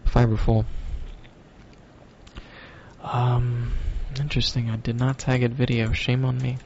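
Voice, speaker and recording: Gravelly, rambling podcast guy. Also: medium pitch, little pitch movement, measured pace, a little mellow, lo-fi sound, a little hiss or hum. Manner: loose, rambling, profane, with many fillers. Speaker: podcast host. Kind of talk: casual stoner podcast monologue.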